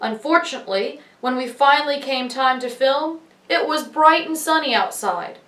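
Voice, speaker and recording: High-voiced woman narrating, echoey and distant. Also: moderate pace, a bit bright. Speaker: video narrator. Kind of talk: scripted voice-over narration.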